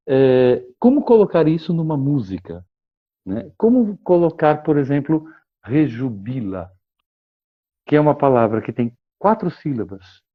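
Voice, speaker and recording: A man, a guest expert explaining things in a measured, lecturing way, often tagging questions and pausing to cough. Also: on the high side, phone-quality sound. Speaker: guest expert on liturgical chant. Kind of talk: explanatory interview talk.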